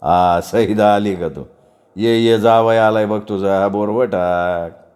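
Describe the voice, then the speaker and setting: A man doing a gruff, sly village father. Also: fairly low pitch, moderate pace, darkish tone, close to an everyday voice. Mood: mocking. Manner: drawling, mocking rustic speech.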